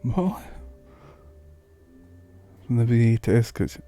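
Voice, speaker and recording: A man's voice: on the low side, animated, moderate pace, mellow, no room sound, faint music behind. A Scottish man streaming a video game, chatting casually and musing aloud about what he sees. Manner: chatty, muses aloud, restarts words. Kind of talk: casual gameplay commentary. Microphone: new studio mic.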